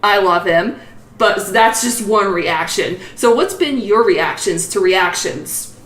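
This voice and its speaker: A woman's voice: mid-range voice, lively intonation, takes it slowly, fairly bright tone. A woman hosting a casual interview, chatty and playful with frequent giggles. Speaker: podcast host. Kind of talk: casual video-call interview. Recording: echoey room.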